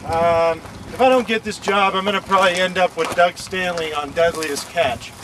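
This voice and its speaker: A man's voice: high voice, normal speed. A man from the Lake Tahoe area of California, talking casually as an extreme sports athlete being interviewed outdoors, rambling with slang and lots of fillers. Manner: rambling, laid-back, surfer slang with many fillers. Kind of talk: casual chat. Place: outdoors beside a motorcycle. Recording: noisy outdoor recording with traffic.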